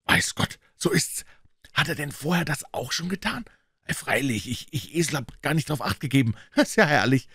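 A man putting on a scared, superstitious ragged boy, pitched well above a grown man's voice and often whispering. The voice sounds frightened and awed, as in a storybook reading. It is recorded close and dry, with no room sound. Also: animated, brisk, a bit bright, breathy edge, no room sound, full character voice. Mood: hushed.

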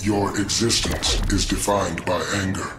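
An actor playing a cold, superior alien android villain in a video game, formal, emotionless and menacing. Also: male voice, low-pitched, steady tone, measured pace, over loud music. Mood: cold, detached.

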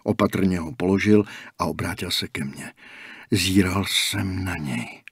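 A man reading a first-person story aloud for an audiobook, keeping a steady, even storytelling pace. His voice sits low and carries a husky, breathy edge. The sound is close-miked and dry, with no room around it. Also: dry recording. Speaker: audiobook narrator. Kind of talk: first-person scripted narration.

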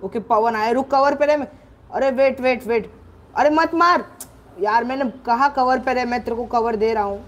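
A man hosting a gaming channel, giving live gameplay commentary on his own microphone, excitedly shouting orders at his teammates. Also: extremely high pitch, moderate pace, dull audio.

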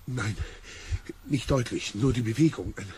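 An actor playing a shaken male scientist in a German radio play, halting and agitated. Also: mid-range voice, a little mellow, slight background noise, close to an everyday voice. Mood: shaken, groping. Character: shaken male expedition scientist, insisting on his sighting.

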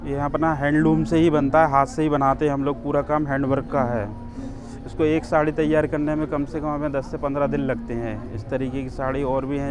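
Man weaver, flat steady voice. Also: a little high. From Madhya Pradesh, India. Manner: plain, steady explaining. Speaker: handloom sari weaver. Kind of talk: interview. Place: exhibition stall, indoors. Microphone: lapel mic.

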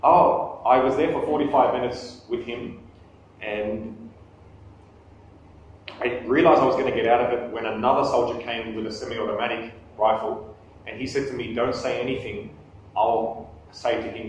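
Giving a live talk with questions to a small audience, a man in his thirties speaks in a medium pitch, conversationally, with self-deprecating humor and frequent restarts. The recording comes from a camera on a table across a small meeting room, making his voice distant and very echoey, with faint background noise.

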